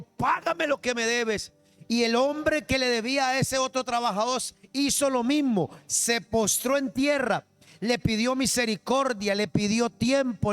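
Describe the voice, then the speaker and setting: Male pastor, high voice, emphatic sermon delivery, faint music underneath. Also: a bit bright. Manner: emphatic preaching, quizzing the congregation. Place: church service.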